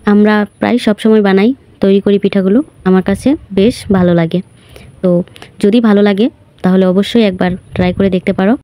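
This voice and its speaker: A woman talks through a recipe as the host of her cooking channel. Her voice is mellow and warm, friendly and instructional. The recording is dry and close, with no room sound. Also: medium pitch, no room sound. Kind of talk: recipe voice-over narration.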